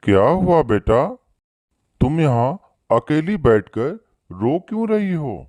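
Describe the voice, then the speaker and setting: A man's voice: on the high side, sing-song, takes it slowly, a little mellow, no room sound. A man voicing a kind, fatherly old magic tree in a cartoon. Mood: gentle.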